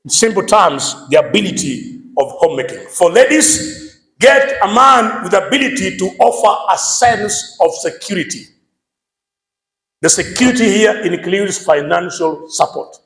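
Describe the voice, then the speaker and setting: A man with a Kenyan accent preaching a lively sermon, switching between English and Swahili and shouting some points for emphasis. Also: high-pitched, unhurried, reverberant, low-quality recording. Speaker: pastor.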